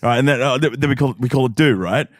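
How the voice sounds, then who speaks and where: Young Australian male co-host, animated, sweary, dry sound. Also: medium pitch, quick pace, no room sound. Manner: animated, mock-indignant, swearing. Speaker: podcast co-host. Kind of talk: casual chat.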